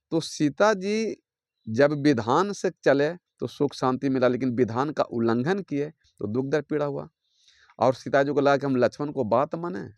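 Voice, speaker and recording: A man's voice: mid-range voice, no room sound, clean studio sound. A man giving a devotional sermon, preaching in a rhythmic, repetitive way with lists and homely examples.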